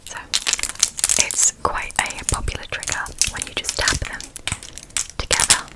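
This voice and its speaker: A woman whispers very close to the microphone, soft and breathy, in a slow, gentle ASMR role-play. Her tone stays calm and reassuring, with no full voice at all. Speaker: ASMR creator.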